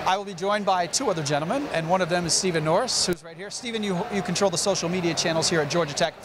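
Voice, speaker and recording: A man's voice: high voice, fast, background noise. A man hosting a live broadcast with upbeat presenter patter, on a handheld mic in a busy indoor gym. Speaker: livestream host. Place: indoor gym among graduates.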